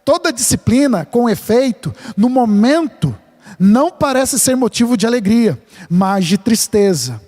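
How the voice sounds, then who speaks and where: A man's voice: very high voice, sing-song, a little slow, dark tone. A man from São Paulo state preaching a sermon as a pastor, earnest and emphatic, mixing scripture with a light-hearted personal story. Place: church sanctuary. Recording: long reverb of a large church hall.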